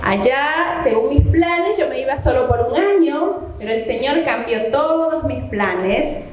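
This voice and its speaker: A woman's voice: sits high, lively intonation, a little slow, a little hiss or hum. A middle-aged woman from the coast of Ecuador, giving Bible teaching and prayer at a women's conference and asking her listeners questions directly. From Santo Domingo, Ecuador. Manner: addresses the audience directly with questions. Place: church hall. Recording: echoey church hall.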